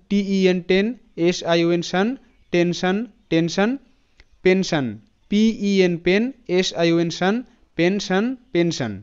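A man with a fairly high, smooth and resonant voice leads a pronunciation lesson. He spells each word out letter by letter, then says it again slowly, often pausing to check that his students follow. The recording sounds slightly dull and lo-fi. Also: a little mellow. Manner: spells words letter by letter and repeats them slowly; addresses students directly with frequent "thik ache" checks. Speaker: English pronunciation teacher. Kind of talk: spoken classroom lesson.

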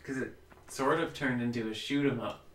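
A co-host watching a video game and chatting casually, with relaxed, teasing comments. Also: medium pitch, moderate pace, reverberant, recorded from a distance, a little hiss or hum. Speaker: let's play co-host. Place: home room with a cat.

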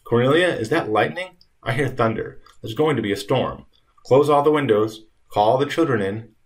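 A man voicing a bitter, sharp-tongued dying old woman, delivering her lines in a raised, tart voice. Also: medium pitch, lively intonation, normal speed, pitched above the performer's own voice, natural voice. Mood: urgent.

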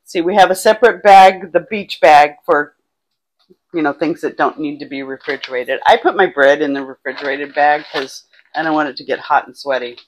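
Recorded indoors on a clip-on lapel mic, a sixty-something vlog co-host chats casually while listing off items in a small kitchen and bedroom. She has a deep voice and a moderate pace, and the rough recording carries some background noise.

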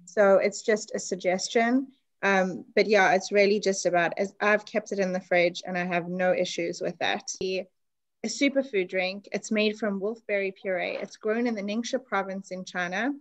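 A woman's voice: mid-range voice, fairly even intonation, moderate pace. Chatty woman hosting an online class. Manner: chatty, enthusiastic, explaining. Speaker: class host. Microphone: video call.

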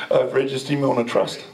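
Speaking into a handheld mic in a dimly lit event room, a middle-aged presenter at a blockchain meetup gives a cheeky, self-deprecating talk and trades banter with the audience. His mid-range voice swings wildly in pitch at a moderate pace, competing with a noisy crowd on poor-quality audio.

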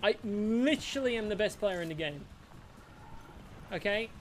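Excitable, swearing game streamer with lively pitch. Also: moderate pace, a little hiss or hum. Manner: excitable, boastful, swears freely. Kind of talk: casual live-stream chat while gaming.

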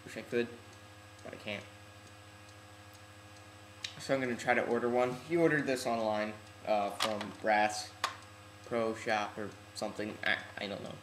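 A man's voice: lowish voice, fairly even intonation, measured pace, pauses often. A teenage man with slightly odd articulation from braces, giving an offhand, slangy, unscripted demonstration for a casual home vlog. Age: teens. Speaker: hobbyist video host. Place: large room at home, indoors. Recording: echoey room, noisy webcam-style audio.

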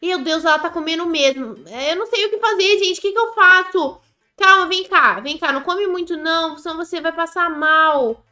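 A woman with a Brazilian Portuguese accent giving chatty, excitable commentary on a game she is playing, often talking straight to her viewers. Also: very high voice, brisk, hardly any pauses. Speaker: gaming YouTuber. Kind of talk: Roblox gameplay commentary.

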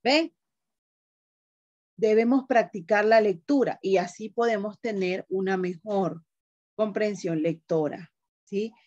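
A woman's voice: medium pitch, slow, long pauses, a little mellow, no echo, lo-fi sound. A woman teacher giving an online class, explaining patiently and asking the class questions.

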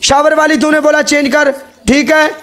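A man with a strikingly high-pitched voice. He talks in a bossy, insistent way, repeating his demands over and over. His speech is casual, in the tone of livestream banter. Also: flat delivery, moderate pace, a bit bright. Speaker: streamer. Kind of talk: casual argument over a game dare.

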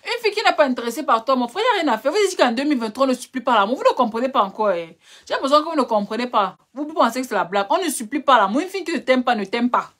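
A young woman runs a live relationship advice session, reading out viewer questions and answering each one. She speaks fast and a little high, with a direct, chiding manner, calling her listeners brother and darling. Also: lively intonation, fairly bright tone.

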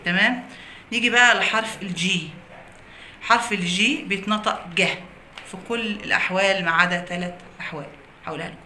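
A woman's voice: medium pitch, a little fast, bright, forceful tone. Egyptian woman teaching English pronunciation. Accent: Egyptian Arabic. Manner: explains phonics rules with many examples. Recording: echoey room with faint noise.

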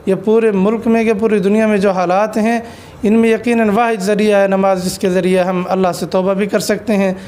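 A man's voice: high voice, level tone, a little fast, darkish tone. A man who is an Islamic cleric, answering an interview question with an earnest, exhortative sermon and stories.

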